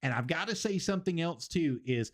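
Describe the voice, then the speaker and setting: A man's voice: a little high, expressive, fairly quick. A man, hosting a casual wrestling review stream and rambling, repeating phrases for emphasis. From Tennessee, US. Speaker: stream host.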